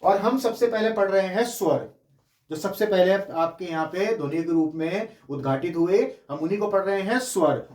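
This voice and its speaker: A man with a high, darkish voice teaches a lesson, writing on a board and explaining step by step while saying each sound aloud and repeating it. The room is echoey, and his voice comes from a distant mic.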